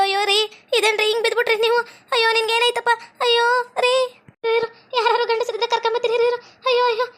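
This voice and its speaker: A woman with a very high-pitched, slightly bright voice takes the role of a frantic young village wife in a village comedy skit. Fussing over her husband, she wails and says the same things again and again.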